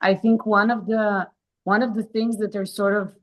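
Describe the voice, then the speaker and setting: A woman's voice: medium pitch, level tone, normal speed, rough recording. A woman from Bulgaria, a guest in an interview, speaking casually with many fillers and restarts.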